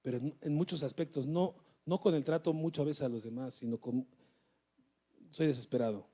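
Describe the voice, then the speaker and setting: A man preaches in a church, his voice mellow and warm, sitting a little high for a man. He exhorts and keeps turning to the congregation with questions. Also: moderate pace. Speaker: pastor. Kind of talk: sermon.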